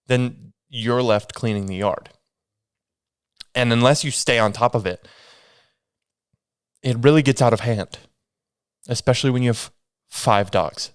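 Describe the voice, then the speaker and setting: Hosting a solo podcast, a young man with a stuffy, sniffly nose rambles in a casual, self-deprecating way, often restarting as he meanders. He speaks in a clear, resonant mid-range voice, captured in studio quality with no echo.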